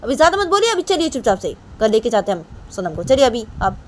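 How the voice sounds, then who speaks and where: A woman voicing an indignant young mother who nags her partner in a loud, high-pitched voice. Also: expressive, moderate pace, slight background noise.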